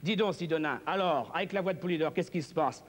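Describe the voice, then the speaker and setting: On a TV variety show, a ventriloquist and impressionist guest chats playfully with his puppets like a kindly uncle. His voice is fairly high and quick, with a big-room sound.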